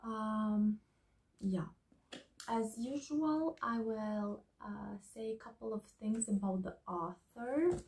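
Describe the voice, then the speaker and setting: Slow soft-spoken woman, half-whispered. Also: fairly high pitch, rough recording. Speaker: book reviewer. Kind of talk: soft-spoken ASMR book review.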